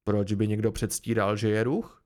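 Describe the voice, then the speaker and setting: A man reading an audiobook, voicing a gruff middle-aged village mayor who is suspicious and quick to anger, with a creaky voice. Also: mid-range voice, animated, lightly acted. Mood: angry.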